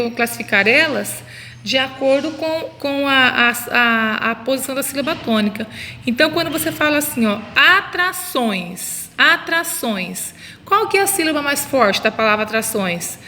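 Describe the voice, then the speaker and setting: In a recorded remote class for children, a woman teaches a lesson, drawing words out syllable by syllable and answering her own questions. Her voice sits on the high side, bright and forceful, with lively intonation and a quick pace. The room is reverberant, with faint background noise.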